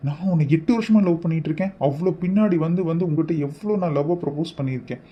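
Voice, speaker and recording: A man's voice: fairly high pitch, racing, slightly rough, dull audio. A man voicing an obsessive, lovesick young man in a cartoon, talking in an insistent, pleading way. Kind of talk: cartoon voice acting.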